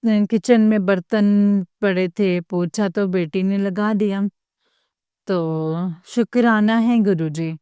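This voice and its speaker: Middle-aged woman, devotional speaker, earnest and halting, with a mellow, smooth tone and a dry, close sound. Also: mid-range voice, dry recording. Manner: slow, halting, with many pauses and fillers; earnest, keeps addressing the listeners. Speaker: devotee sharing experiences with followers. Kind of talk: devotional talk.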